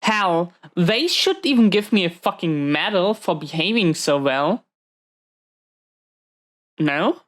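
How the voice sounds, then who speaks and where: In an intimate audio roleplay, a woman with a lowish voice plays a protective, hot-tempered, tender supervillain behind bars, using big pitch swings, a slow pace, and frequent pauses. She speaks to an unseen listener in a defensive, hesitant, irritated way.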